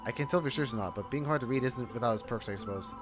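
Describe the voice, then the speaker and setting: A streamer with a medium-pitched, racing voice plays through a game against game music. His chatter is casual and informal, mixing quick reactions, text read aloud, and frequent self-interruptions.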